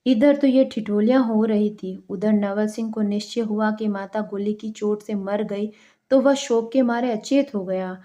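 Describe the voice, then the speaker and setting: A woman narrating a folk story in a measured, expressive storybook reading. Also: mid-range voice. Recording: dull lo-fi recording.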